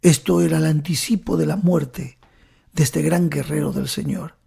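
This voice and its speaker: A man preaching a sermon, telling the story dramatically and often dropping to a hushed whisper while speaking directly to the listener. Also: on the high side, steady tone, moderate pace, vocal fry, slightly rough.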